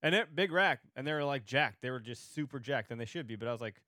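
A man's voice: mid-range voice, expressive, fast, sharp tone, no echo, clean studio sound. A man from Wisconsin hosting a podcast, chatting casually and telling anecdotes. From Wisconsin, United States. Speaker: podcast host. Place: basement room.

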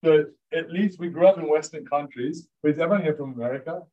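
Speaking fast in a slightly high voice, a male rabbi leads a relaxed class for students gathered in person. The top end of the audio is clipped. He chats informally, leans heavily on "like," and often turns to the room with questions.

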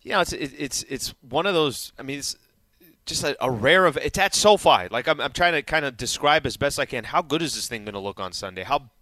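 A man's voice: medium pitch, animated, brisk, sharp tone, no echo. A man co-hosting sports radio in casual, rambling, conversational banter.

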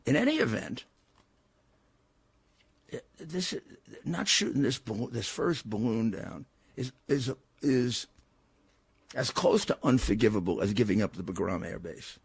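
A man's voice: mid-range voice, vocal fry, slightly rough, dry recording. An older man hosting a political talk show, giving a blunt, combative commentary monologue with frequent stammered restarts.

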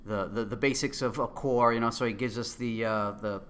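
Bright-voiced man with a Queens accent. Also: mid-range voice, moderate pace. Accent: Queens, New York. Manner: animated, excitable storytelling with acted-out quotes. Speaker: guest, company co-founder. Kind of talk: casual anecdote telling.

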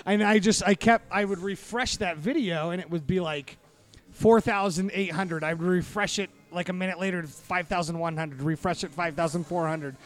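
A man's voice: high voice, normal speed. A man telling anecdotes casually as a guest on a podcast. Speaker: podcast guest and company founder. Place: bar under construction.

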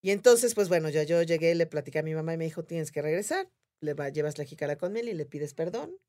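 Speaking fast, a podcast guest from Mérida, Mexico, casually tells a story in a Mexican Spanish accent. Her voice is a little low for a woman, and she animatedly slips into the voices of the people she describes.

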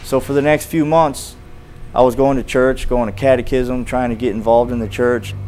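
A man telling his personal testimony as a former biker, earnest and halting, often restarting and saying "you know". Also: mid-range voice, steady tone, darkish tone, a little hiss or hum.

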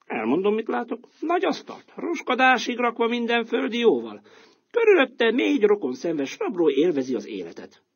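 A man's voice: very high voice, huge pitch swings, husky, pitched above the performer's own voice, exaggerated voice. A man doing a boastful donkey band leader. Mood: eager. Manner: confident, coaxing, upbeat. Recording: dull lo-fi recording.

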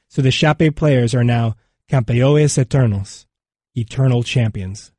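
A man reading a magazine feature as scripted narration, in a measured, solemn way. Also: medium pitch, mellow, no echo, studio quality.

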